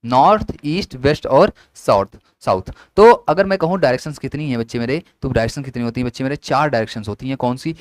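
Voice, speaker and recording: A teacher explains a classroom lesson at a whiteboard, drilling it through repeated questions and answers. His voice is medium in pitch and races along with few pauses, and there's no echo.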